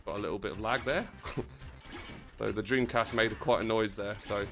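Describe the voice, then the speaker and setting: A man with a lowish voice rambles through a casual game stream, excitable and swearing freely. He talks close to a desk mic. Game music plays steadily behind him. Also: moderate pace. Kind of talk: casual livestream commentary while playing.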